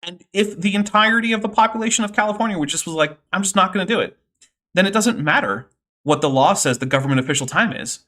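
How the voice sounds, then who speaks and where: A man's voice: sits high, quick pace, sharp tone. A man giving casual, sardonic commentary while reacting to a debate clip on his stream, rambling with fillers.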